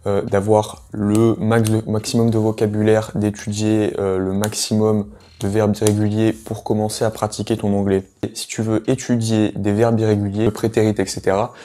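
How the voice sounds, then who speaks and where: In a relaxed video lesson, a male English teacher speaks straight to the viewer with many hesitations. His voice sits on the low side and has a warm tone.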